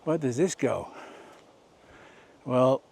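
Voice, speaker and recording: A man's voice: mid-range voice, very slow, vocal fry, a little mellow, a little hiss or hum. Chatty man vlogging on a trail. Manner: chatty, rambling, asks viewers questions. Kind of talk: walking vlog narration. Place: outdoors on a rural nature trail.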